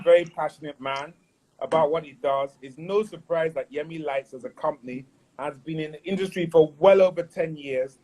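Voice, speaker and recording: A man hosts a relaxed talk show in a notably high voice. He jokes, teases his guest and breaks into laughter, keeping the chat playful. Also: rough recording. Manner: playful, teasing, laughs often. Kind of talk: casual chat interview.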